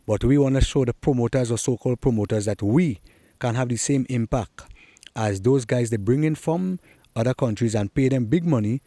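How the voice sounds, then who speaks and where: Here the Trinidadian guest, a middle-aged soca artist from Trinidad and Tobago, speaks at medium pitch and a normal speed with a dark tone, and there's no echo. He responds to the interviewer earnestly and encouragingly, coming back to his main points more than once.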